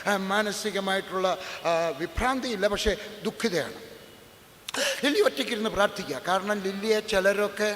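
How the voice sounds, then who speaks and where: A man's voice: sits high, normal speed, a bit bright. A middle-aged man from Kerala preaching a sermon, emphatic and repetitive with humorous asides. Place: church hall. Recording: echoey church hall, faint noise.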